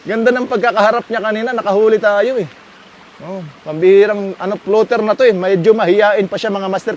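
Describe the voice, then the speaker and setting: A man giving chatty, playful live commentary while fishing outdoors by a stream, laughing often and shouting with excitement when a fish bites. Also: high voice, a little hiss or hum. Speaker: fishing livestreamer.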